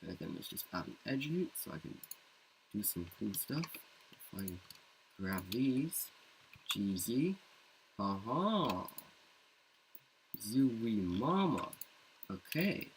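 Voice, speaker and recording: A man's voice: big pitch swings, unhurried, gravelly, long pauses, noisy background. Chatty man muttering over clicking keys. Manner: thinks aloud, chatty and self-mocking, muttering to himself; jokes in a deep movie-trailer voice. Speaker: CG artist showing his work. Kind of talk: casual screen-recorded tutorial talk. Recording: keyboard and mouse clicks behind.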